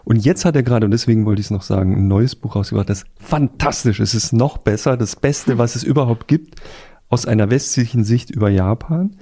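A man's voice: mid-range voice, fairly quick, mellow. A man hosting a podcast, talking casually and recommending things with emphatic enthusiasm. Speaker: podcast host. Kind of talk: casual conversation.

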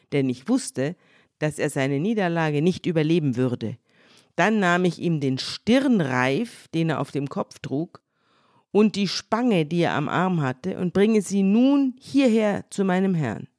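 Low-voiced older woman retelling a story. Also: no echo, clean studio sound. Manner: lively storytelling, reads quoted dialogue in her own voice. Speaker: podcast co-host. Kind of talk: retelling a Bible story in conversation.

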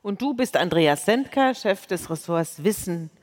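A woman, co-hosting a live podcast with quick, teasing banter. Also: fairly low pitch, animated. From Munich, Germany. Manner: chatty, quick-witted, teasing. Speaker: podcast co-host. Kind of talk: live podcast stage chat. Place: large concert hall before an audience. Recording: hall reverb from a live stage.

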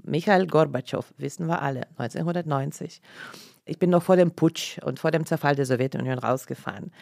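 Deep, brisk and creaky, a little mellow, this woman's voice carries no room sound. She's a journalist in her forties from Leningrad, a native Russian speaker, sharing her story earnestly as a podcast guest in a studio.

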